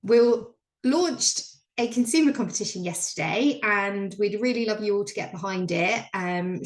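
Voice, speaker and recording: Woman on an echoey video call. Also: medium pitch. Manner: chatty, filler-heavy, enthusiastic. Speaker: presenter on a member call. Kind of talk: casual business update.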